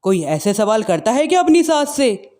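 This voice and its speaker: A woman's voice: on the high side, big pitch swings, moderate pace, dark tone. A woman voicing a cold, bossy middle-aged stepmother scolding her daughter-in-law in a family drama story. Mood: stern, scolding.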